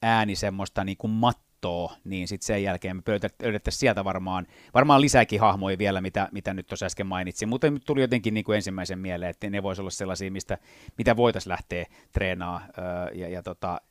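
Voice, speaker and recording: A man's voice: low-pitched, no room sound, studio quality. Hesitant impressionist man chatting. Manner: hesitant, many fillers and restarts, slips into impressions. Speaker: voice impressionist guest. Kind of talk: casual interview chat.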